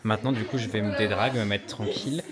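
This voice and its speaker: A man's voice: fairly low pitch, steady tone, fast, a loud crowd. A man chatting casually and effusively to a vlog audience in a camp manner, as the host. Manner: chatty, effusive, camp, calling people "ma belle". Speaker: vlog host, drag performer and makeup brand founder. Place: beauty convention pop-up stand. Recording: loud music behind, vehicle noise.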